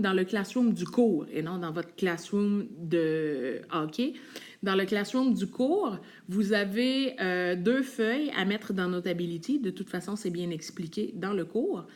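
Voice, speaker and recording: A woman teaches a recorded whiteboard lesson. She speaks slowly and patiently, at a middle pitch, pausing to check that her students follow. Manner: patient, explains step by step with frequent check-ins. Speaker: Spanish teacher.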